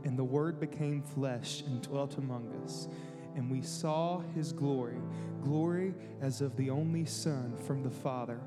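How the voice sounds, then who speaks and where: A nineteen-year-old man introducing a worship song to a church, relaxed and friendly. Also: medium pitch, measured pace, long reverb tail, over loud music. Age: young adult. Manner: relaxed, friendly, self-deprecating. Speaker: student worship leader. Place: church sanctuary.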